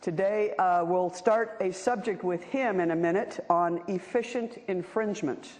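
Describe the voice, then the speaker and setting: A woman's voice: on the low side, a little slow, darkish tone. Reverberant hall, woman, panel moderator, introducing speakers.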